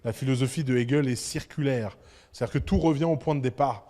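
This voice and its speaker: A man giving a lively talk to an audience as an entrepreneur, emphatic and full of rhetorical questions. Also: medium pitch, brisk, long reverb tail. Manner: emphatic, rhetorical questions, acts out little dialogues.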